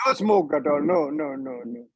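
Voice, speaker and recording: A man's voice: fairly high pitch, lively intonation, normal speed, husky, dry recording, muffled recording. A man in his seventies from Myanmar on a group video call, talking in an effusive, formal and grateful way. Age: 70s. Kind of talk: casual chat.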